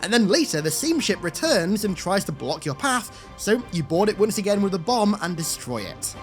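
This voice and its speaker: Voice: mid-range voice, sing-song, normal speed, soft background music. An enthusiastic video host giving scripted game commentary in an emphatic, hyperbolic way.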